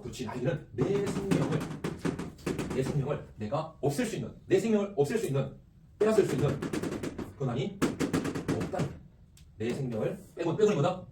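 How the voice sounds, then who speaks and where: A man teaching an ethics class, lively, repeating phrases and quizzing his students. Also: on the high side, brisk, pauses often. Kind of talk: classroom lecture with questions to students. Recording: echoey room, distant mic, faint noise.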